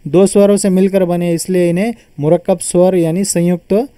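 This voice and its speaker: A male teacher gives a patient grammar lesson, sounding out each term and repeating it. His voice is very dark and mellow yet smooth, fairly high for a man, and recorded close and dry. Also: flat delivery, brisk, no echo. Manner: patient explaining, repeats terms and sounds them out.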